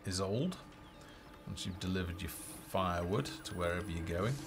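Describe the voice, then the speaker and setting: A low, expressive voice at normal speed comes from a game developer streaming his play-through. He thinks aloud in casual, half-muttered remarks while background noise, game music and unit voices sound behind him.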